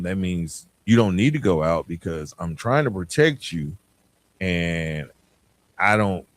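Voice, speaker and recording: In a recording with no room sound, a low-pitched man hosts a podcast. His motivational delivery is plainspoken and conversational, and he addresses listeners directly through rhetorical questions.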